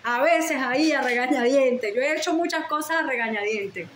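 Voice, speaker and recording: A woman's voice: high-pitched, moderate pace, fairly bright tone, echoey room, a little hiss or hum. A woman preaching a sermon with fervent, repeated declarations and prayerful pleas.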